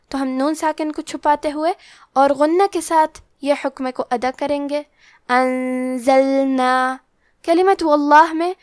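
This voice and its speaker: A woman teaching Quran recitation, explaining pronunciation rules step by step and reciting slowly with drawn-out sounds. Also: high voice, no echo, clean studio sound. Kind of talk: tajweed lesson.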